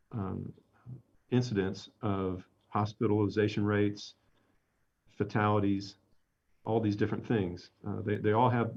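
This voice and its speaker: A man answering reporters' questions at a city press briefing in a measured, slightly wry manner. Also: lowish voice, a little mellow. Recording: dull lo-fi audio.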